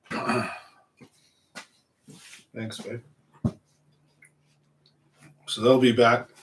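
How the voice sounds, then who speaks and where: A man of forty hosting a fishing channel livestream from a small home room, chatting casually, rambling and answering viewers' comments. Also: medium pitch. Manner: rambling, laid-back, reads and answers chat. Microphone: large studio mic on a stand in front.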